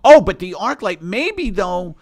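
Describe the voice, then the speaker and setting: A man's voice: high voice, very animated, measured pace, a little mellow. A middle-aged man hosting a casual comedy podcast, rambling through mock-serious, sarcastic riffs. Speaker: podcast host.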